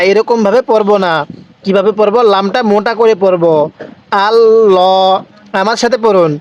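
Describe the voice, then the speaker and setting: A man teaching Quran recitation to Bangladeshi listeners, repeating each word slowly and asking them to recite along. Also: sits high, muffled recording. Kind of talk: slow step-by-step recitation lesson.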